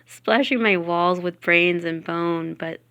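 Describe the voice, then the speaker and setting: Gravelly woman reading a novel. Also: lowish voice, slow. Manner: soft, half-whispered reading with giggles at slips. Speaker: reader.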